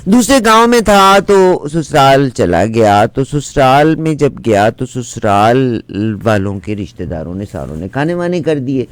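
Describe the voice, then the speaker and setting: In a dry recording, a man with a Punjabi accent voices a chatty middle-aged woman telling a comic folk tale. His mid-range voice moves a little slowly with few pauses as he narrates in a lively, animated way, chanting the funny lines again and again.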